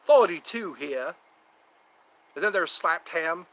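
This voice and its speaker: Expressive and chatty, a livestream host from the United States, age fifties, rambles with his viewers across a string of topics. His voice is a touch high with a bright, forceful quality, and quick put-on voices keep popping up among his asides.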